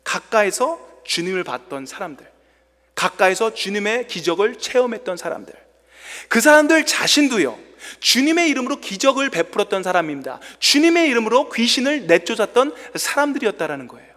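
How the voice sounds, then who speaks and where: A male pastor delivers a sermon in a church, his voice sitting high and swinging widely in pitch as he tells the story with dramatic flair. A long reverb from the hall trails behind his words. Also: sing-song, fairly quick, fairly bright tone.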